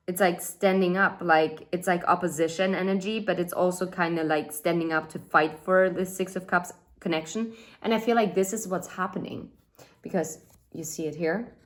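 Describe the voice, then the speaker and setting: A woman giving a casual tarot reading indoors by a window, chatty and rambling, with fillers and asides. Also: fairly low pitch. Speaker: tarot reader.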